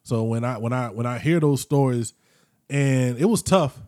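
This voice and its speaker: A man in his late thirties talks in a loose, unhurried way, often stretching his words and dropping in slang. His voice is dark and mellow, recorded close in a dry room. It sounds like casual podcast talk among friends. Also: medium pitch, no echo. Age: 30s. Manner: reflective, drawn-out, slangy. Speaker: podcast co-host. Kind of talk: casual chat.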